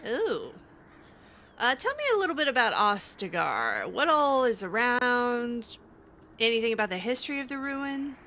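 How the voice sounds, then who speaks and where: A woman roleplaying a mage character gives casual video game commentary with wry, skeptical sarcasm. Her sharp, fairly high voice is very animated and moves at a moderate pace.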